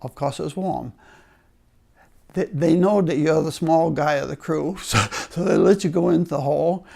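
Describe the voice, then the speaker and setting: Warm and creaky, with a fairly high pitch and normal speed, the voice belongs to an older, retired paper mill worker from Maine being interviewed. He shares oral-history stories of his work in a Maine accent, chuckling through wry, understated humour.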